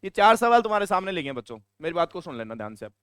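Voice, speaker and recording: Lecturing with a Hindi accent, this male teacher slips into chatty stories and occasionally scolds the class. His smooth, crisp, fairly high and fairly bright voice races along with big pitch swings, in a dry, close recording with little room sound and no echo.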